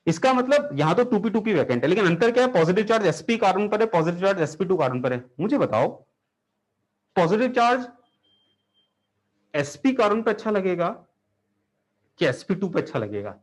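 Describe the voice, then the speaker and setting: A man with a high voice gives a chemistry lecture, acting out the molecules and scolding them like lazy students. His delivery is theatrical and animated, slipping between Hindi and English. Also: normal speed, long pauses. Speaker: chemistry teacher.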